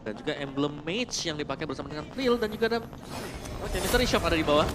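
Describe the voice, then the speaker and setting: A man's voice: fairly high pitch, animated, quick pace, noisy background. A man explaining builds and items in esports color commentary. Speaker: esports analyst caster.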